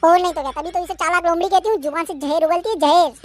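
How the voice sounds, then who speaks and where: A woman's voice: very high-pitched, fast, a little hiss or hum. A woman voicing a bossy, nagging mother-in-law in a cartoon, scolding and threatening. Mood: scornful.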